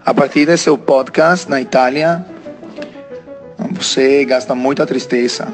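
Soft music plays behind an unhurried, mid-range male voice. He's an Italian in his twenties speaking Portuguese with an Italian accent, and his listener message is hesitant and thick with fillers.

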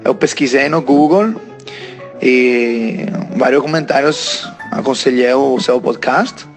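This listener message comes from a twenty-something Italian man using Portuguese, his Italian accent clear. His pitch sits in the middle, and his phrasing stumbles along with frequent fillers.

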